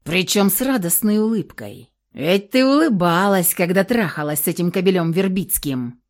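A woman voicing a cruel, scheming husband in an audiobook, who shouts insults and then turns cold and sneering. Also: lowish voice, expressive, normal speed. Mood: menacing. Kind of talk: audiobook character reading.

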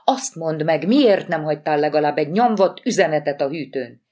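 Woman doing audiobook wife, clipped, reproachful, brisk, irritated boss. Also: deep voice, expressive, dark tone. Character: sharp, irritated woman medical-examiner chief, wife.

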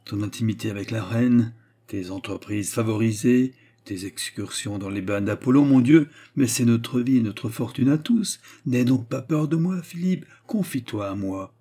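A man's voice: mid-range voice, normal speed, dark tone, lightly acted. A man voicing a scheming, garrulous old male baron who needles his son, in an audiobook reading. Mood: needling. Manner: sly, needling, boisterous. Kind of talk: audiobook character voice.

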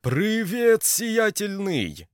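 A man voicing an excitable young man who gushes with joy in an audiobook. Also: drawn-out words, no room sound, clean studio sound, exaggerated voice. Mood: overjoyed. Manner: shrill, gushing. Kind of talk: audiobook character voice.

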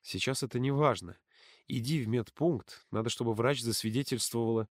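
A man voicing a calm, firm young man who speaks quietly and steadily in an audiobook. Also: medium pitch, moderate pace, dry recording, studio quality, natural voice. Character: calm, firm young male camp counselor. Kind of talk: audiobook character voice.

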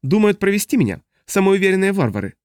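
A man voicing an impatient, domineering alien male who gurgles and croaks out commands. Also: a little high, big pitch swings, fast, a little mellow, no room sound, clean studio sound, pitched above the performer's own voice. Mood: demanding.

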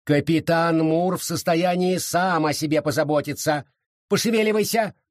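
A man's voice: on the high side, normal speed, dry recording, studio quality, pitched above the performer's own voice, close to an everyday voice. A man voicing a pompous, whiny old colonial judge who barks orders at everyone. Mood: bossy. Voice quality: whiny, imperious shouting.

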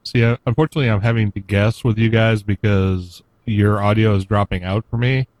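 A man talking over an internet voice call with uneven volume, halting and stammering in casual podcast chat. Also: on the low side, fairly even intonation, darkish tone, no echo, rough recording. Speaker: podcast co-host.

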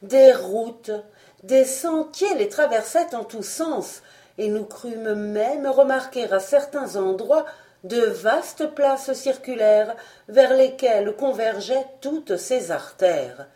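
A woman reading an audiobook aloud as scripted narration, measured and expressive. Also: a little high. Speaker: audiobook reader.

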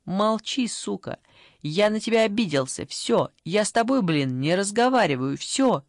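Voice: mid-range voice, animated, moderate pace, no echo, natural voice. Narrator plays a cheeky brawling boy, sulky and swearing, dry close read. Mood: defiant. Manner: defiant, cursing. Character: rude brawling young boy. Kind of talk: audiobook character voice.

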